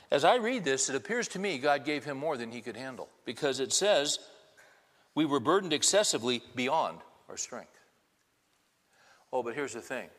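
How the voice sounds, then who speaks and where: A man in his fifties, a pastor, preaches at medium pitch with a slightly bright voice. His sermon is conversational, studded with rhetorical questions for the congregation, and the large church hall gives it a long reverb.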